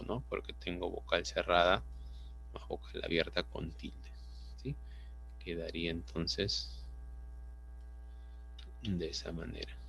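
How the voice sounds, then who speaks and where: A man with a Peruvian Spanish accent teaches an online class, explaining patiently and often checking understanding with tag questions. His voice sits low with vocal fry and a fairly bright tone, and there is slight background noise. The dull, lo-fi audio comes from a computer mic on a video call.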